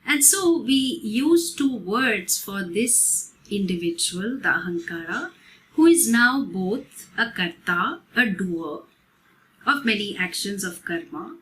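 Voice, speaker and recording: A woman spiritual teacher giving a devotional talk at a festival, explaining terms in a measured, gentle way. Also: on the high side, rough recording.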